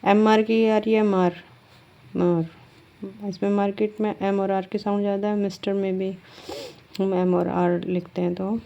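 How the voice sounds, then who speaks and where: In this lo-fi recording, a woman with a dark, mid-range voice and vocal fry keeps a level tone and moderate pace. She patiently walks her class through shorthand step by step, answering her own questions to the students. Her words draw out as she writes.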